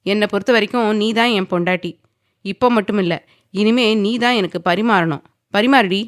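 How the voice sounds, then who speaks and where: A woman's voice: medium pitch, moderate pace, dry recording, studio quality, close to an everyday voice. A woman voicing a domineering, possessive young man who speaks firmly and commandingly, sometimes teasing.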